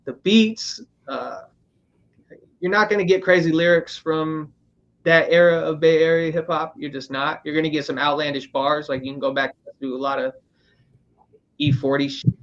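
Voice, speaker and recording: Male host, Northern Californian, casual rambling talk, slightly raised pitch, dull lo-fi sound. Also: a bit bright. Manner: loose, rambling, filler-heavy. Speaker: podcast host. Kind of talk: casual roundtable chat.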